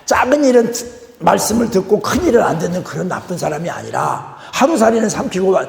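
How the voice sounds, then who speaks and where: A man's voice: sits high, very animated, fairly quick, creaky. An older man preaching a guest sermon in a church, folksy, with joking asides to the congregation. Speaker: guest pastor. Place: church sanctuary. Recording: echoey church hall.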